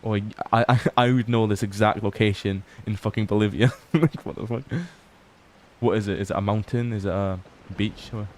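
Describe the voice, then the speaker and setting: A man's voice: fairly low pitch, fairly even intonation, moderate pace. A tired young man casually chatting on a livestream, reading chat aloud and swearing often. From Scotland. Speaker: livestream host. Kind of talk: casual late-night stream chat.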